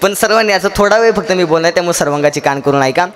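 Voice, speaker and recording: A man preaching a devotional kirtan sermon in a festival pandal, building long rhythmic lists that rise to shouts and breaking into chatty asides to the crowd. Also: high-pitched, rapid-fire. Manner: chatty asides to audience and children.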